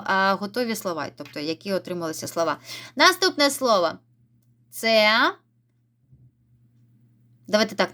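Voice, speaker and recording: A woman's voice: a little high, pushed and bright. A woman teaching a video reading lesson to young children, encouraging them and stretching out key words. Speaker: primary school teacher. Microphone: camera set up by herself.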